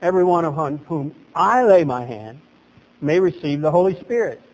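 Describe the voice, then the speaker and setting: A middle-aged man preaches as pastor from a small chapel's lectern, full of energy and gesturing, pushing his voice higher whenever he stresses something. His voice is a little high and his pace moderate, and the recording sounds rough.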